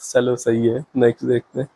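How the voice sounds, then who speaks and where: A man's voice: mid-range voice, dark tone. Amused man reacting to clips. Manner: amused, incredulous, laughs often. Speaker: reaction video host. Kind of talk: comic reaction commentary.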